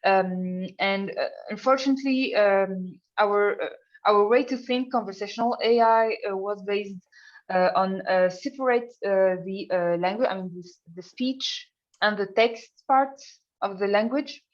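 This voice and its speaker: A woman from Tunisia, a guest on a tech panel, speaking hesitantly with many pauses and fillers. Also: medium pitch, highs cut off. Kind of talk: panel discussion.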